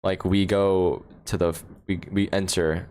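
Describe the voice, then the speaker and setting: Casting: low-voiced American man, loose livestream chatter, laughs a lot, phone mic at home. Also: flat delivery, a little slow, darkish tone. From United States. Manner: rambling, laughs often, answers chat questions. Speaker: livestream host. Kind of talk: casual livestream chat.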